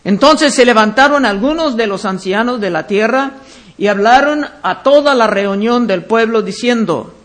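A man preaching a verse-by-verse Bible teaching sermon, reading scripture aloud and then explaining it deliberately. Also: very high voice, a bit bright.

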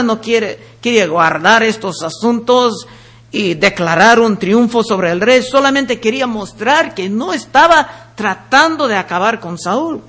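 A man preaching a sermon, reading scripture slowly and with emphasis, then explaining it in plain words. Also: sits high, fairly bright tone. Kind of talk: sermon, Bible reading with commentary.

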